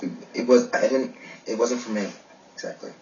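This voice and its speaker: A man's voice: mid-range voice, steady tone, moderate pace, a little mellow, slight background noise, lightly acted. An actor playing a prickly, sarcastic young boyfriend who is set in his views and stammers through restarts. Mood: reluctant. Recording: distant, dull TV soundtrack.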